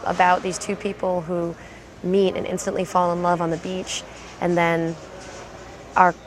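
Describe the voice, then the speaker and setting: A woman's voice: on the low side, slight background noise, low-quality recording. A woman talking as a lead actress about her character in a behind-the-scenes interview, thoughtful and reflective.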